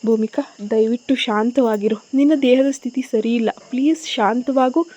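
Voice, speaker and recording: A woman doing a gentle guilt-stricken young husband. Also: fairly high pitch, moderate pace, natural voice. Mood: soothing. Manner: soft, soothing.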